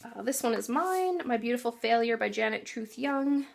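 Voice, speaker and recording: Young woman, casual vlog chat, slightly high voice, gravelly fry, rambling, whispered asides. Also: animated, moderate pace. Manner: chatty, rambling, often trails into soft whispered asides. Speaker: book vlogger.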